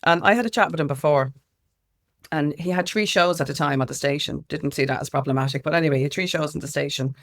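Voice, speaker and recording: A woman with an Irish accent, a music consultant and campaigner, is a guest in a conversational interview. Her voice sits low and she talks fast, informally and emphatically, telling animated anecdotes and acting out what other people said.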